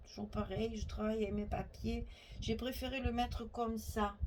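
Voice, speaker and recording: A woman's voice: on the high side, slight background noise, low-quality recording. A woman with a Provençal French accent hosting a chatty, step-by-step scrapbooking tutorial, thinking aloud and correcting herself as she goes.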